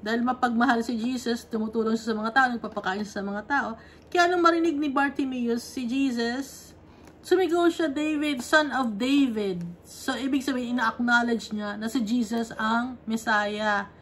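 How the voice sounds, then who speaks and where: Higher-voiced woman teaching a Bible lesson. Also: steady tone, moderate pace, fairly bright tone, a little hiss or hum. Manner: explains verse by verse, often checking in with tag questions. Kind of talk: conversational Bible study lesson.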